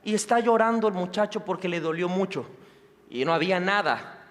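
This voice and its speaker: A man's voice: sits high, brisk, close to an everyday voice. A man voicing a small girl who earnestly tells what she saw, in a story within a sermon. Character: small girl telling a strange vision. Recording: long hall reverb.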